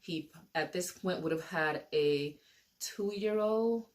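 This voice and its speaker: A woman's voice: lowish voice, takes it slowly. A woman telling a personal story to camera in a casual, rambling way, repeating and restarting her sentences.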